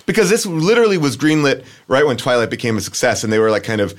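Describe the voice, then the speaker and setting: A man's voice: medium pitch, sing-song, fast. A man hosting a casual movie podcast, talking in loose run-on sentences and acting out lines in quotes. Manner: chatty, full of "like", acts out quotes. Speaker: podcast host. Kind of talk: casual movie review chat.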